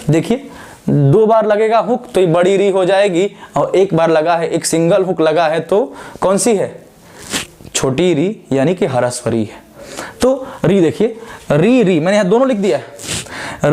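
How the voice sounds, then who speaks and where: A young man with a high voice and a Purvanchal Hindi accent teaches grammar at a board. He is emphatic and says the sounds over slowly so learners can copy them. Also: a little mellow. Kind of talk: whiteboard grammar lesson.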